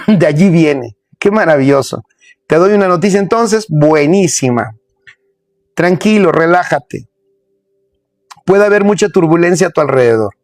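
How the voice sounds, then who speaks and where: A man's voice: fairly high pitch, expressive, measured pace, pauses often, a little mellow, no room sound, studio quality. A man preaching a sermon, emphatic and repetitive, speaking straight to his listeners.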